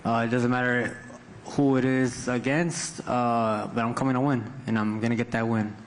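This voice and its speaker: A man's voice: medium pitch, flat delivery, normal speed, a little hiss or hum, low-quality recording. A man speaking as a boxer, giving a plain prediction at a press conference. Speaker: professional boxer.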